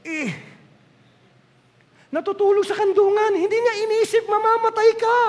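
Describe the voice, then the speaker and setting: High-voiced preacher in an echoing hall. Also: male voice, flat delivery, fast talker. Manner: emphatic, repetitive preaching, mixing in English. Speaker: pastor. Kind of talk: sermon. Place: church hall.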